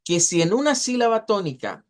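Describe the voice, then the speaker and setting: A man's voice: high-pitched, sing-song. Man teaching pronunciation, repeating words. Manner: explanatory, repeats words slowly to model sounds. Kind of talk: online class lecture.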